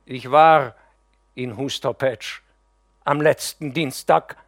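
A man's voice: mid-range voice, fairly even intonation, slow pace, a bit bright, no echo, clean studio sound, voice pushed up. A man reading an audiobook, voicing a deceitful, self-pitying nephew who pleads and wheedles. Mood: pleading.

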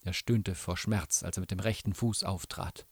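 A man reading a novel aloud in an expressive, dramatic way. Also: deep voice, moderate pace, slightly rough, dry recording. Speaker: reader. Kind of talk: literary reading.

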